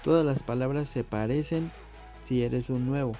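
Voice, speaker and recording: A man with a dark, gravelly voice gives a casual video language lesson. He talks patiently to his viewers as friends, repeating words slowly so they can copy the sounds, with faint music underneath. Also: mid-range voice. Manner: addresses viewers often as friends. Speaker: language teacher.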